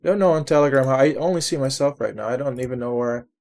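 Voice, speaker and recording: Man, video call host, mellow tone, rambling questions, casual chat. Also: medium pitch, fast talker, vocal fry. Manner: rambling, self-interrupting questions.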